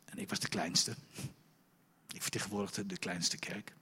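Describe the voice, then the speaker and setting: A middle-aged man preaching a sermon, telling stories in an animated, emphatic way. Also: low-pitched, normal speed, husky. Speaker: pastor.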